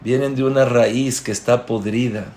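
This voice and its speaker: A man, a religious teacher, giving a moralizing sermon and telling a story in a deliberate, storytelling way. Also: mid-range voice, fairly even intonation, a little mellow.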